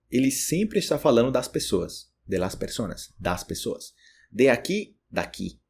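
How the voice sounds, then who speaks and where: A Brazilian man with a Brazilian Portuguese accent, teaching a casual language lesson and repeating words slowly to model pronunciation. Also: mid-range voice, darkish tone, breathy edge. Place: home room by a street with car horns.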